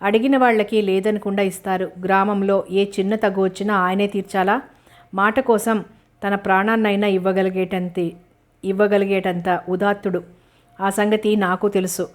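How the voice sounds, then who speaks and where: A scheming, spiteful middle-aged village man from a storybook, sneering as he gossips, put on by a woman narrating. He talks at a medium pitch, in a needling, grudging tone. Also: little pitch movement, moderate pace, lightly acted. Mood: resentful.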